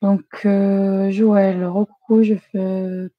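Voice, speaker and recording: A woman's voice: medium pitch, level tone, drawn-out words, no room sound, muffled recording. A woman hosting a live stream, chatting casually and greeting viewers as she reads the chat.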